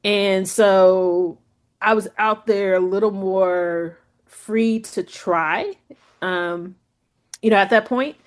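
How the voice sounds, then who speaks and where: A woman tells her own story as an interview guest, relaxed and conversational. She fills her talk with "like" and "you know." When she quotes people, her pitch jumps up. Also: slow. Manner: chatty, full of "like" and "you know"; acts out quoted speech with lively pitch jumps. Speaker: guest photographer.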